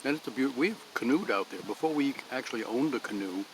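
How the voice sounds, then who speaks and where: A man's voice: medium pitch, expressive, fast. An older man chatting casually in a homey, rambling way at a picnic table in a pine grove, recorded on a phone. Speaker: vlogger. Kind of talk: casual outdoor vlog. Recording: outdoor phone recording with clear background noise. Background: breeze, traffic and rustling leaves.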